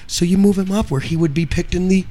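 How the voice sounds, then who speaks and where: A man hosting a casual podcast, energetic and boastful, swearing freely. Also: high voice, quick pace. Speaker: podcast host.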